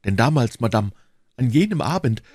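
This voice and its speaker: Passionate duke as a man reads him, fervent, husky audiobook voice. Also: medium pitch, very animated, normal speed, darkish tone, dry recording. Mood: impassioned. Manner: fervent, swelling declarations. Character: passionate lovesick English duke, ardent and insistent. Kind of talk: audiobook reading of a classic novel.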